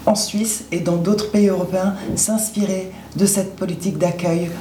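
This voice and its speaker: A woman interviewing a guest on the radio, asking measured questions and prompting him. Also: lowish voice, fairly even intonation, dark tone. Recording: roomy echo with faint background noise.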